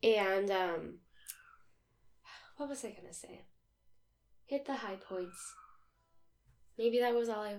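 A woman co-hosting a podcast in casual chat, with a hoarse, raspy smoker's voice from a sore throat. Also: mid-range voice, takes it slowly, long pauses, a little mellow. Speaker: podcast co-host.

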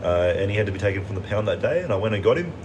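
Lowish male podcast guest, hesitant wry storytelling, noticeable background noise. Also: sing-song, racing. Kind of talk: casual anecdote telling.

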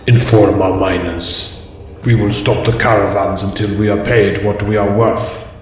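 A man voicing an imposing, proud male dwarf lord with a cavern-deep, rumbling voice, heard with a heavy cave-like echo. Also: steady tone, a little slow, soft background music. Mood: angry. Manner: haughty, commanding. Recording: long echoing reverb, faint noise.

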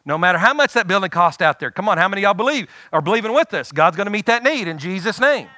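A middle-aged pastor, preaching a sermon and urging the congregation to answer back. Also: male voice, sits high, very animated, fast talker, bright, forceful tone, no room sound, studio quality. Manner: exhorting, call-and-response.

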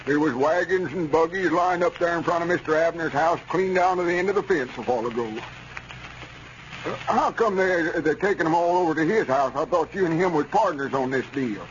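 Man as a high-voiced naive country bumpkin. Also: a little fast, close to an everyday voice. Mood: puzzled, amazed. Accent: rural Southern US. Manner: naive, hesitant, deferential. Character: simple, uneasy young country bumpkin man. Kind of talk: 1930s radio comedy acting. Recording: dull vintage radio recording, faint noise.

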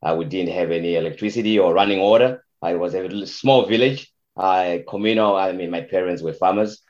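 A man's voice: deep voice, darkish tone, highs cut off. A man from Zimbabwe, a soccer coach, answering interview questions in a hesitant, filler-heavy way. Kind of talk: casual interview.

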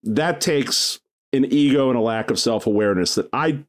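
Male podcast co-host, casual rambling chat with jokes, middle-pitched voice. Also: moderate pace. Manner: rambling, jokey, slips into mock radio DJ voice.

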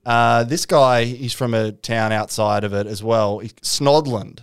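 A man's voice: mid-range voice, steady tone, measured pace, smooth. A man hosting a casual podcast chat in an informal way, often chiming in to agree. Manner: informal, frequent agreeing interjections. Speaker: podcast host.

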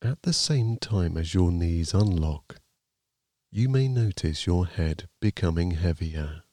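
A man narrating a guided sleep meditation like a sleep story, in a calm, soothing, gently measured manner. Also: sits low, no room sound.

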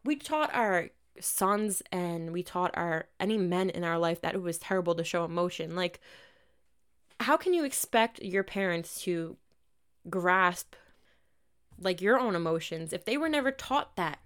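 Smooth-voiced woman, candid podcast host. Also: fairly low pitch, animated, a little slow, fairly bright tone. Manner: candid, profane, self-help pep talk. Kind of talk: casual advice monologue.

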